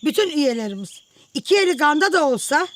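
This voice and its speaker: A pompous village club president in a film comedy. She speaks officiously, like someone reading out rules, in a high voice. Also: big pitch swings, quick pace, a bit bright.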